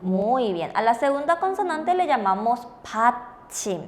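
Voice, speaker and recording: Female teacher, high-pitched, patient, repeats and confirms each answer. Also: sing-song, measured pace. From Paraguay. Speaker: language teacher co-hosting. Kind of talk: classroom explanation with questions.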